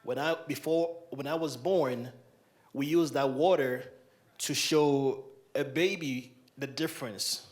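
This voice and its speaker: This is a ceremonial address: a young Ghanaian man conducts a libation in a big hall, repeating solemn invocations into a handheld mic. His voice sits in the middle range and moves slowly.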